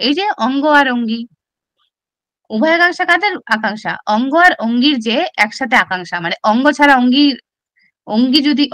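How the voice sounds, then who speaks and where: A woman's voice: high-pitched, a bit bright, no room sound. A woman teacher with a Bengali accent explains a classical text step by step in an online exam-prep class, often asking rhetorical questions.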